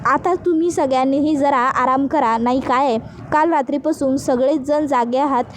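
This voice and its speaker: A calm young husband, as a woman reads his lines in a serial recap, gently telling everyone to rest. The voice is high and even. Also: normal speed, slight background noise, close to an everyday voice.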